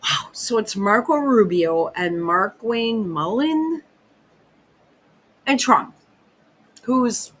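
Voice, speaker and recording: A woman hosting a podcast, ranting in casual commentary, profane and excitable, often interrupting herself. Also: on the high side, extremely slow, long pauses, poor audio. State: hiccuping. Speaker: podcast host.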